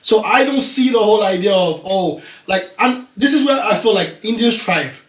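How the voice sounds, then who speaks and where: A Nigerian man appears as a guest on a talk show, assertively holding his ground in a lively group debate and talking over others to make his point. His voice is a little higher than most men's and runs at normal speed. He sounds distant from the mic in a roomy, echoey studio.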